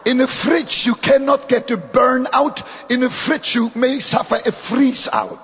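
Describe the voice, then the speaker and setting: An older man preaches a sermon in short, measured phrases, pausing for his interpreter and sometimes rising to a shout. He speaks very slowly with a very husky voice. The sound is dull and echoes through a large hall. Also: very high voice, faint music behind. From Germany.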